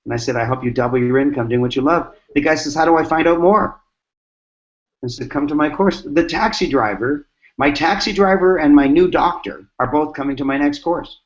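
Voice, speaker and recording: A man hosting a mastermind talk, answering questions with lively acted-out stories and emphatic repetition. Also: a little high, fairly quick. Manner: animated, acts out dialogue, repeats lines for emphasis. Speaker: host. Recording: dull lo-fi sound.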